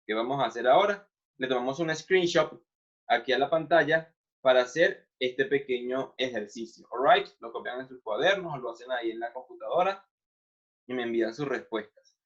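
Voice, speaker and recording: A male English teacher, a native Spanish speaker, giving a recorded online lesson. He explains in Spanish and reads the English examples slowly. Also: mid-range voice, slightly rough. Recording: dull lo-fi sound.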